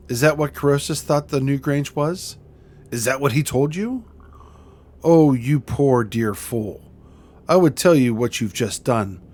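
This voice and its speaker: A man's voice: mid-range voice, darkish tone, close to an everyday voice. A man voicing a captured villainous noblewoman in a video game, haughty and defiant, sputtering grandiose threats. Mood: scornful, gloating.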